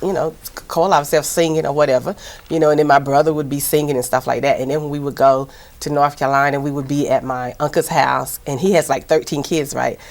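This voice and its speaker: A woman with a Southern accent talks in a very deep register with a gravelly edge. She chats casually as a guest, circling back on herself with lots of "you know" and "um.". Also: fairly even intonation, quick pace, a little mellow. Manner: chatty, rambling, many fillers. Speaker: TV host and producer, guest. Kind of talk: casual interview chat.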